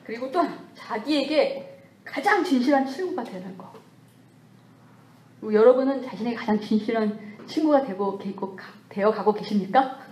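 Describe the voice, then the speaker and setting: A woman speaks to a church audience in a lively, teaching manner, her voice sitting fairly high. She acts out short scolding and comforting voices as she goes. The sound rings in an echoey church hall. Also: moderate pace, slight background noise. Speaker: church lecturer.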